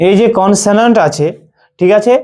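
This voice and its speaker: A man teaching English pronunciation in a slow lesson, with a Bengali accent, repeating himself and asking and answering his own questions. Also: sits high, darkish tone.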